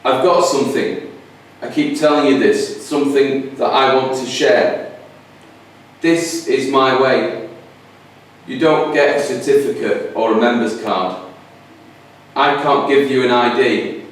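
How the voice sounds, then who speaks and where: A man's voice: medium pitch, a little slow, pauses often. A man delivering an earnest, insistent theatrical monologue. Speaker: stage performer. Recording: echoey live stage from a distance.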